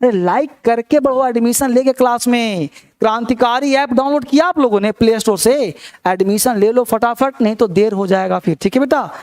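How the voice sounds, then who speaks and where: A man's voice: very high-pitched, normal speed, a little mellow. A man teaching English grammar in a live online class, reassuring his students, repeating his points and quizzing them.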